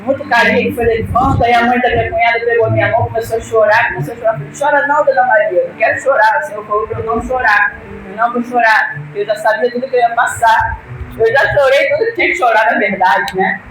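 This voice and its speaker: A Brazilian woman giving an emotional religious testimony, fervent and swelling to near-shouts. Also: on the high side, fairly even intonation, fast talker. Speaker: church member giving testimony. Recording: echoey hall, distant mic, background noise.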